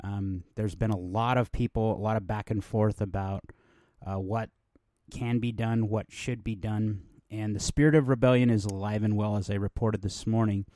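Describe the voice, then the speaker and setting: A middle-aged man from New Mexico hosts his podcast in a loose, rambling monologue, full of ums and restarts. His voice sits low and mellow, and the recording is close and dry. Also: steady tone, moderate pace, dry recording. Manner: rambling, conversational, with many fillers and restarts. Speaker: podcast host.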